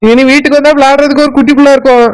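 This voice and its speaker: A woman with a Kanyakumari Tamil accent voicing a chatty young village woman who talks quickly and eagerly. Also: high voice, level tone, natural voice, rough recording.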